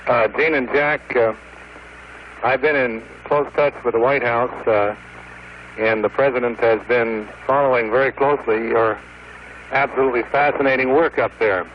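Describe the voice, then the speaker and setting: A man, a mission control official, sending a halting formal message over a crackly space radio link, with frequent pauses. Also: medium pitch, fairly even intonation. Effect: crackly space radio transmission. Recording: muffled noisy radio link.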